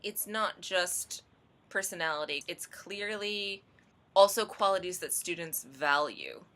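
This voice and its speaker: A woman's voice: lowish voice, unhurried, fairly bright tone. A woman in a casual barstool debate over drinks, making emphatic, argumentative rebuttals.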